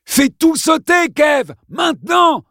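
A desperate boy screams through a walkie-talkie, the voice thrown high above the reader's own low tone. It sounds distant and close to frantic, every word pushed out as a shout. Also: big pitch swings, slow pace, no echo, heavily acted. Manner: shouting, urgent, near-frantic. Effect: voice coming over a walkie-talkie. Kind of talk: audiobook reading, acted dialogue.

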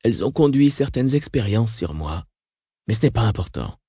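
A man reading the part of a frail, weakened old woman who speaks flatly and stays unshaken. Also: fairly low pitch, normal speed, breathy edge, no room sound, clean studio sound, full character voice. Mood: grim. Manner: flat, unshaken. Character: frail elderly sister, weakened and coughing.

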